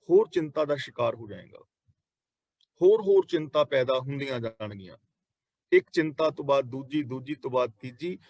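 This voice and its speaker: A man with a Punjabi accent teaches a Sikh scripture passage line by line, in a slightly high voice. He draws out each quoted verse slowly and then explains it plainly. The recording is close and dry. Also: dry recording.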